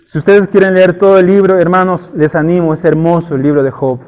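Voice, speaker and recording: A man's voice: sits high, level tone, a little fast, darkish tone, dull audio. A man preaching a sermon, firing off rhetorical questions and stumbling into repeated restarts, at times playing a believer who pleads with God.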